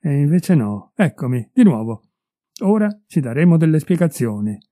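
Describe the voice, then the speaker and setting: Playing a betrayed husband in middle age, a man reading a storybook rages at his wife and her lover, his heated, accusing voice rising over a very dark, mellow foundation. His pitch is a little high with a sing-song lilt, and he keeps a moderate pace. It's recorded close and dry, without any room sound.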